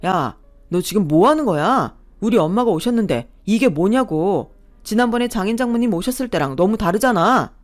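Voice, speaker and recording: A woman's voice: medium pitch, lively intonation, normal speed, few pauses, soft background music, natural voice. Brief: woman voicing a blustering, defensive husband in a radio drama story. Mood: angry. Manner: shouting, accusing.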